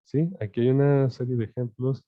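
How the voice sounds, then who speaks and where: A man's voice: mid-range voice, fairly even intonation, fairly quick, no echo. A man teaching a recorded lecture over slides, explaining examples and often checking in with "¿no?" and "eh" fillers. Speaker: language teacher. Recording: dull, dry lo-fi.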